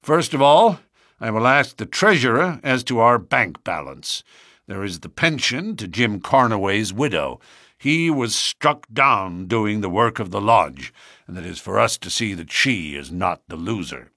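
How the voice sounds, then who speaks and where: A man playing a gruff, commanding chairman of a secret lodge in a storybook reading. He speaks in a formal, raised voice over a close, dry sound. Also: on the low side, expressive, unhurried, pushed and bright, dry recording, exaggerated voice.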